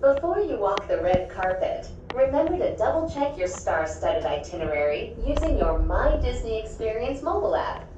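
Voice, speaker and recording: A woman giving a cheerful, lilting scripted ride announcement, played over a loudspeaker inside a moving cabin. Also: fairly high pitch, sing-song, moderate pace, hardly any pauses. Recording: muffled echoey speaker, far off, noisy cabin.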